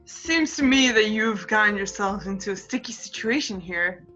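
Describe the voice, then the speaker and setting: Woman playing Set, a smug menacing gentleman. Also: medium pitch, expressive, normal speed, dull audio, faint music behind. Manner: polite, condescending, old-fashioned. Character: tall, smug, menacing man in a red suit.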